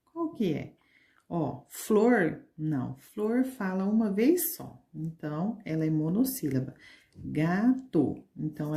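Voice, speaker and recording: A woman teacher with a Brazilian Portuguese accent giving a slow, patient lesson to young children, stretching out words as she demonstrates them. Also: on the low side, warm tone, echoey room.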